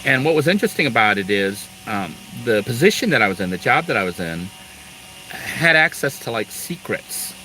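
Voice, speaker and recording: A man's voice: mid-range voice, sing-song, normal speed, sharp tone, a little hiss or hum, low-quality recording. A middle-aged man from Thailand chatting casually on a live stream, rambling through asides and laughing now and then. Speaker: live-stream host, Air Force veteran.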